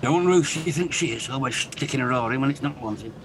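An actor playing a cantankerous, touchy gym regular in a sitcom, bickering and indignant. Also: male voice, medium pitch, quick pace, background noise, natural voice. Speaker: grumpy older gym regular. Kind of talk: sitcom acting.

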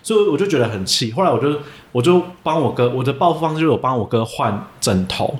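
A man tells playful anecdotes in a casual chat. He talks fast, and his pitch moves up and down a lot. The recording has a noticeable roomy echo. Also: lively intonation. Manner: playful, laughing while telling anecdotes. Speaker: podcast co-host.

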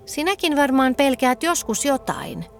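A woman voicing a cheerful, excitable little girl in a children's story. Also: high-pitched, soft background music, voice pushed up, lightly acted. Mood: thoughtful. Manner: bright, eager, squealing delight.

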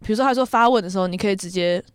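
A woman's voice: medium pitch, racing, clear, resonant tone, no room sound, clean studio sound. A young woman from Taiwan with a Taiwanese accent, chatting casually as a podcast host. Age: young adult. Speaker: podcast host and international student.

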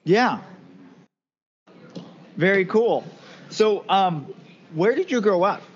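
A man's voice: high-pitched, animated, slow, dull audio, slight background noise. A man in his thirties hosting a podcast in a casual, chatty way, rambling with lots of ums and restarts. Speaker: podcast host.

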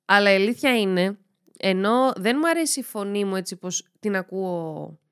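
A woman co-hosting a podcast, congested and hoarse from a cold, giggling and tripping over her words in casual chat. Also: medium pitch, animated. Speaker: podcast co-host. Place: small studio.

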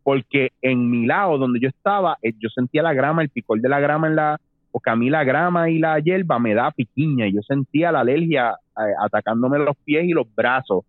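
A man, telling a long personal story in casual talk, animated and mixing in English phrases. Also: medium pitch, brisk, no echo. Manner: animated, mixes English phrases, acts out voices. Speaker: storyteller guest. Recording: tinny phone-like dry sound.

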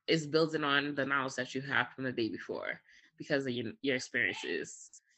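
An air traffic controller, a woman with a rumbling low voice, speaks at a moderate pace as an interview guest on a low-quality recording. She tells stories in an animated, conversational way, acting out little quotes and using "like" and "you know" often.

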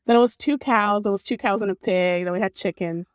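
With a medium-pitched, smooth voice and a brisk pace, a Bulgarian interview guest speaks sincerely and casually, leaning on "like" a lot. The recording, made in San Francisco, is dry.

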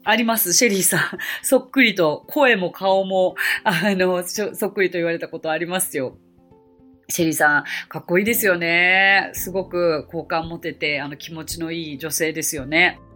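A woman's voice: lowish voice, normal speed, fairly bright tone, soft background music. A woman hosting an English-lesson podcast, reading listener messages in a polite, cheerful way and mixing in spoken English phrases. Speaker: English teacher and podcast host.

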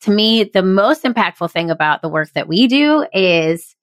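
A woman's voice: mid-range voice, animated, normal speed, smooth, dry recording, clean studio sound. A woman hosting a podcast, chatting casually and affirming her guest eagerly. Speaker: podcast host. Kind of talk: casual interview chat.

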